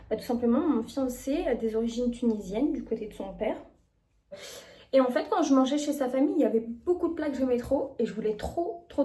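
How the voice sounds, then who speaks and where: Young female beauty vlogger, high-pitched and soft-toned, chatty and enthusiastic. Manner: chatty and gushing about products. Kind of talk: casual chat, makeup tutorial.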